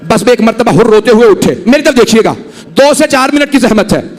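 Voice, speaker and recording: A man's voice: very high voice, animated, a little fast, in a large hall. A male preacher delivering a mourning sermon. He tells the story with rising emotion and keeps urging the listeners to look at him. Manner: rising, impassioned delivery at peaks.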